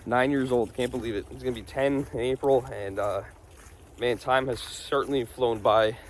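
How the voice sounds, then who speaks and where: A man's voice: mid-range voice, fairly even intonation, moderate pace, slight background noise. A man from New York's Hudson Valley who rambles in casual vlog chat, laughing often while he walks his dog along a wooded trail outdoors. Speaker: vlogger.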